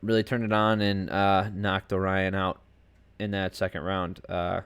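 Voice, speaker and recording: A man's voice: deep voice, little pitch movement, a little slow, a bit bright, clean tone. A man hosting a podcast alone, giving casual, rambling commentary on fight results from a home desk setup, full of fillers and asides. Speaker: podcast host.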